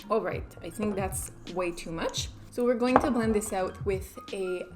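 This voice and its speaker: Loud music sits behind this young woman's medium-pitched, unhurried voice as she does a makeup tutorial. She's a beauty vlogger with a French Canadian accent who just woke up, and her chat is relaxed and self-mocking.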